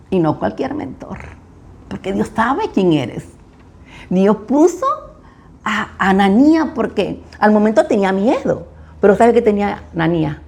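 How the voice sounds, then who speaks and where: Gravelly-voiced woman preaching with fervor. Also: lowish voice, darkish tone. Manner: emphatic, rises and falls sharply on key phrases. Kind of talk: sermon.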